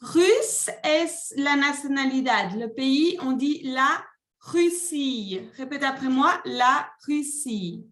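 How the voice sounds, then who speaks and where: A woman French teacher runs her classroom with a high, light voice. She speaks slowly and deliberately, drilling each word so the students can echo it. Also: lively intonation, fairly bright tone. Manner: slow, deliberate pronunciation drills. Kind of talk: classroom instruction.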